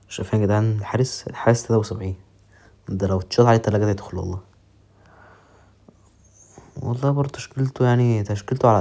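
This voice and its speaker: Fast-talking Egyptian gamer man. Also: fairly low pitch. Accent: Egyptian Arabic. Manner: shouts play-by-play, joking. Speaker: mobile football gamer. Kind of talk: excited gameplay commentary.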